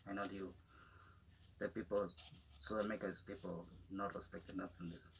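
A man speaking through a gas mask in halting, rambling non-native English, giving casual unboxing commentary as a vlogger. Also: sits low, level tone, vocal fry, a little hiss or hum, poor audio.

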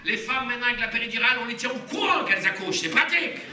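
A man's voice: very high voice, animated, racing, far from the mic, very noisy, pitched above the performer's own voice. A man on stage voicing a jealous, gossipy old grandmother who nags and piles on asides. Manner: chatty, nagging, full of asides. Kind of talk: stand-up character comedy. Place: theater stage, filmed from the hall. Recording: roomy live-stage sound from afar.

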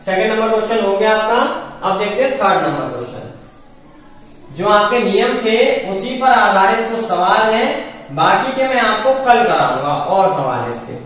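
A man's voice: high voice, lively intonation, measured pace, fairly bright tone. A man teaching an exam-prep math lesson, explaining each step and asking and answering his own questions. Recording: echoey room, mic far off.

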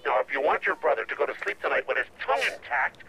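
A man's voice: medium pitch, animated, a little fast, a crowd in the background, natural voice, low-quality recording. An actor playing a menacing male criminal who makes cold threats over a phone in a video game cutscene.

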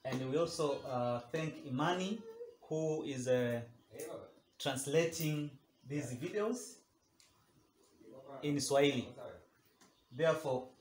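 A man's voice: fairly high pitch, slow pace, long pauses, a little mellow. A man giving a formal, thankful welcome address in a crowded living room. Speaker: group spokesman. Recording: echoey room.

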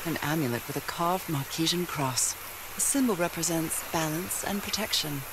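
A woman's voice: deep voice, normal speed, noisy background. An actress playing a curious 1930s woman explorer in a video game, musing to herself in a thoughtful, wry way. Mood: wry, pondering. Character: Norah, curious 1930s woman exploring an island for her husband. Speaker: game protagonist narrator. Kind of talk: scripted musing monologue. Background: background music.

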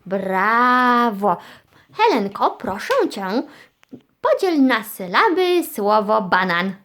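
A woman's voice: fairly high pitch, sing-song, slow, fairly bright tone. A young woman teaching a small child in a children's lesson, patient and encouraging as she guides step by step. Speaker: children's educator.

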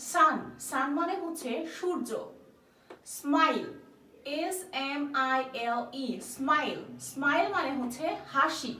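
A woman's voice: high voice, a bit bright. A woman teaching an English vocabulary lesson, spelling each word letter by letter and then giving its meaning. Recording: echoey room, voice a bit far from the mic, faint background noise.

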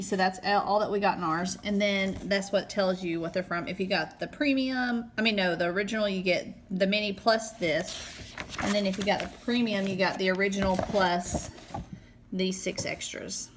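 A woman's voice: medium pitch, fairly even intonation, moderate pace, background noise. A woman in her thirties with a Tennessee accent, hosting a casual snack unboxing and reading out the product blurbs. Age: 30s. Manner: reads out product blurbs, asks questions. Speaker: host.

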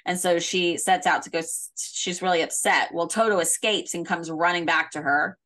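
Chatty woman with a lowish voice. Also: fairly even intonation, normal speed, a bit bright. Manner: chatty, uses many fillers. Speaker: podcast host. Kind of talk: casual podcast discussion.

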